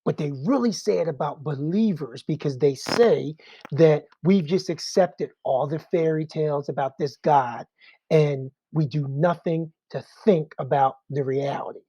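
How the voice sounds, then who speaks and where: Male Sunday school teacher, warm tone, dry close sound, conversational with rhetorical asides. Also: a little high, unhurried, slightly rough, no echo, lo-fi sound. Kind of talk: adult Bible class teaching.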